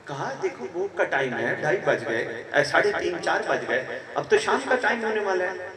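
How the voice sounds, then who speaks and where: Emphatic cleric with an echoing crowd. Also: male voice, lively intonation. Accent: Pakistani Punjab. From Pakistan. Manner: rises to loud emphatic peaks, drops low for storytelling. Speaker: Shia cleric giving a majlis address. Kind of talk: sermon with storytelling. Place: outdoor or large gathering hall with a crowd. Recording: echoey PA sound from far off with crowd.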